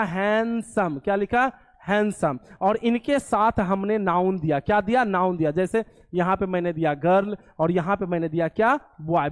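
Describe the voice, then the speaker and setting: A male teacher with a fairly high voice leads a classroom lesson. He poses a question, answers it himself right away, and repeats the key terms again and again so they stick. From India. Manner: asks and answers his own questions; repeats key words for drill.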